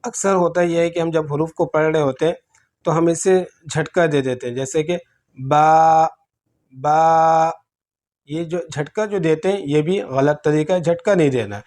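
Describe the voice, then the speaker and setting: A man teaching Arabic letters for Quran reading, explaining patiently step by step and often clearing his throat. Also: a little high, darkish tone. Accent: Pakistani Urdu. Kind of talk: slow classroom-style letter teaching.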